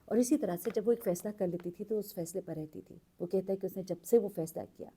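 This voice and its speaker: A woman narrating a true story in an earnest, unhurried way, pausing with fillers as she goes. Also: mid-range voice, warm tone, slightly rough. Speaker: storyteller host.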